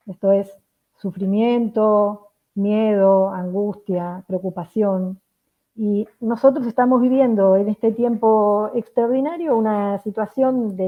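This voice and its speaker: A woman with a tired voice, giving an earnest, measured reflective talk to teachers. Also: medium pitch. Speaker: education speaker. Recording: phone-like narrow sound.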